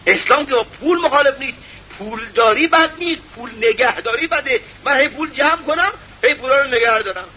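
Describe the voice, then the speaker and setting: A male preacher giving an impassioned sermon full of rhetorical questions, sometimes breaking into shouts. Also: very high voice, animated. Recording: slightly muffled with faint hiss.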